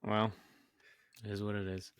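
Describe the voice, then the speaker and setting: A young man co-hosts a casual podcast in a laid-back, unhurried way, often pausing on fillers. His voice sits a little low and sounds dry and close to the mic. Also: monotone, clear, resonant tone, dry recording. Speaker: podcast co-host. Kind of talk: casual banter.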